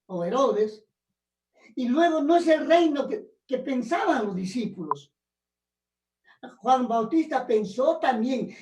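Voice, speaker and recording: A woman preaching a sermon and telling a testimony, emphatic and rising to shouts on key phrases. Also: high-pitched. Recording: echoey room, mic at a distance.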